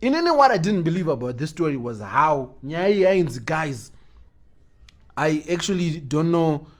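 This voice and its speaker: A man's voice: on the high side, measured pace. A young Zimbabwean man co-hosting a podcast, chatting casually and animatedly, switching between languages. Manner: animated, code-switching banter. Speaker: podcast co-host. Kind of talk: casual chat.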